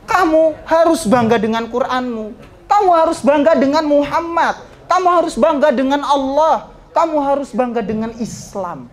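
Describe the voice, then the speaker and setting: Teasing ustadz preaching. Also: male voice, very high voice, lively intonation, moderate pace. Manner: swings between shouting and soft asides, teasing jokes. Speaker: ustadz teaching students. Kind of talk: lively religious talk to students.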